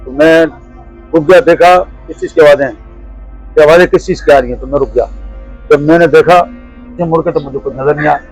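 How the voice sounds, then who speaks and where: Brief: middle-aged guy, slightly high voice, halting repetitive storyteller, faint music underneath. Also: rough recording. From Pakistan. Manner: halting, repetitive, restarts phrases. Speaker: interview guest. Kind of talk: telling a personal ghost story.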